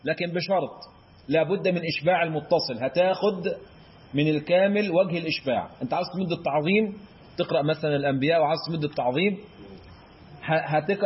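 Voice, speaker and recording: A man with an Egyptian Arabic accent gives a recitation lesson in a high, husky voice. He keeps quizzing his listeners and answering for them. The recording is dull and lo-fi. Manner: chants verse examples in a drawn-out recitation tone. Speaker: Quran recitation teacher. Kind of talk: explanatory lesson.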